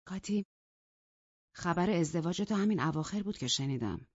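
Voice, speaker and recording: A woman voicing a brooding, cold young man who speaks quietly and evenly, in a dull, lo-fi recording. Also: expressive, breathy edge, dry recording. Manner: quiet, low, measured. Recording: dull lo-fi, dry.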